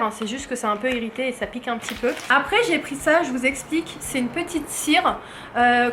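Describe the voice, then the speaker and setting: A high-voiced woman chats casually to her vlog viewers. She explains things informally and hesitates often, with faint noise in the background. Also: a bit bright. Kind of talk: casual vlog chat to camera.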